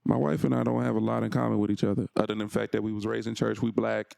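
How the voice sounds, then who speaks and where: A man with a deep, very gravelly voice that stays flat and seldom rises. He co-hosts a podcast in casual chat. He tells his story in a laid-back way, often restarting phrases, and his voice sounds dark and dry, close to the mic. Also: very fast, no echo. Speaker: podcast co-host.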